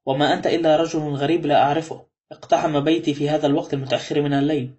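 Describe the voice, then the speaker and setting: A man reading the lines of a curt, wary young gentleman in an audiobook. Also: on the high side, level tone, rapid-fire, lightly acted. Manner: curt, firm.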